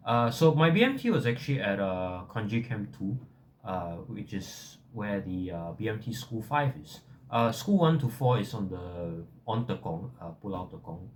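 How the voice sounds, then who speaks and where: A young man with a Singaporean accent talks casually to his viewers in a fairly low voice. He hesitates, backtracks and is self-deprecating as he rambles along. There is some noise in the background of the recording. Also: sing-song, normal speed. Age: young adult. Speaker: vlogger.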